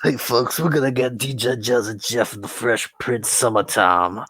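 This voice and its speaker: A man's voice: mid-range voice, moderate pace, fairly bright tone, close to an everyday voice. A man voicing a cheesy male radio DJ who announces hits in a showy style, as a joke on a podcast. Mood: hammy.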